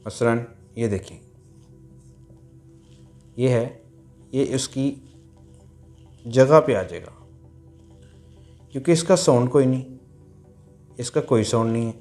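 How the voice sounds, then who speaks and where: A man teaching a language lesson, explaining pronunciation rules patiently, repeating each point and sounding out syllables slowly. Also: mid-range voice, animated, dark tone, faint music behind.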